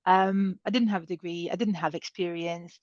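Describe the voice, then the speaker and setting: Speaking on a panel at an advice evening, a woman from Serbia whose first language is Hungarian recounts her career, rambling casually with lots of fillers and false starts. Her voice sits fairly low, with a steady tone, a moderate pace and a slightly mellow quality. The audio is close, dry and echo-free, a little lo-fi and dull.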